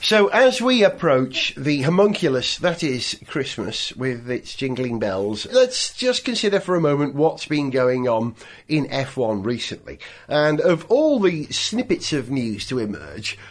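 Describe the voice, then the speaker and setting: A man's voice: mid-range voice, big pitch swings, a little slow, hardly any pauses. A man hosting a light-hearted panel show, mixing scripted links with casual banter. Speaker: host.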